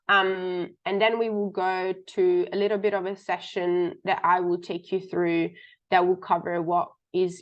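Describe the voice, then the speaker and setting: A woman with a slightly muffled, sick-sounding voice, informally and somewhat haltingly introducing an online event as its host. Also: on the low side. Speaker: webinar host. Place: online video webinar. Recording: dull, muffled online call audio.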